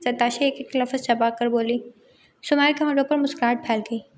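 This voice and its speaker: A woman narrating a romance novel aloud in a steady storytelling manner. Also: a little high, fairly quick, slight background noise. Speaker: audiobook narrator.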